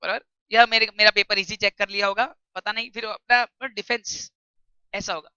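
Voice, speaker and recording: A woman tutor giving a classroom lecture, reading English text slowly and explaining it in chatty while quizzing her students. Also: medium pitch, fairly even intonation, pushed and bright, smooth, no room sound. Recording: dull lo-fi recording.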